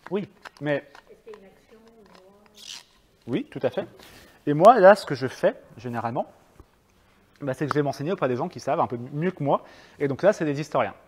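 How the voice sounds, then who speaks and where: A man's voice: fairly high pitch, expressive, normal speed, long pauses, a little mellow, slight background noise. A French man giving a public talk to an audience, chatty and hesitant with many fillers and restarts. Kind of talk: lecture with audience questions. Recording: long reverb of a hall.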